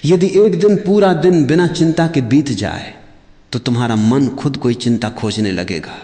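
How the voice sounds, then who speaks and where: A man giving a scripted spiritual discourse, measured and contemplative, speaking straight to the listener. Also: medium pitch, mellow. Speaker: spiritual narrator. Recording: long reverb.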